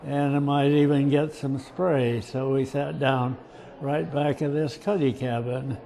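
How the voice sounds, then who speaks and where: An older man slowly telling a childhood memory, halting and clearing his throat often. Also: mid-range voice, flat delivery, mellow, a little hiss or hum. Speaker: storyteller. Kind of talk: casual storytelling.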